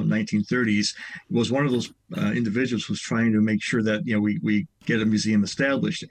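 Older male radio guest, lowish pitch, explanatory, heavy on fillers. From Chicago area. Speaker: guest, museum president. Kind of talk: radio interview.

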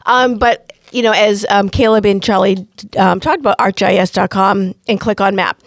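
A woman co-hosting a casual educational podcast, upbeat and chatty as she asks quick questions. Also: mid-range voice, steady tone, dry recording, clean studio sound. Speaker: podcast co-host.

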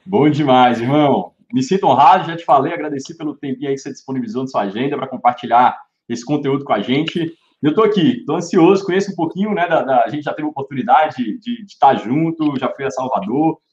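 A man's voice: medium pitch, fast talker, darkish tone, dull audio. A male host eagerly asking long, rambling questions in a casual live interview.

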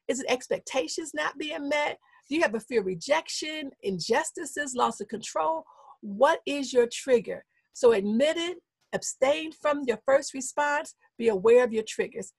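A woman giving an instructional talk, setting out numbered steps in a steady coaching tone and repeating the key points for emphasis. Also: high-pitched, creaky, husky, no room sound. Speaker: speaker teaching anger management.

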